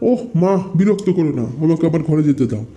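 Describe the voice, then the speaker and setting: A man tells a horror story in the first person, as the elder son of the family. His voice is high with a dark tone. He speaks urgently and keeps repeating words in alarm. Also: expressive, fast. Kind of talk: dramatized horror narration.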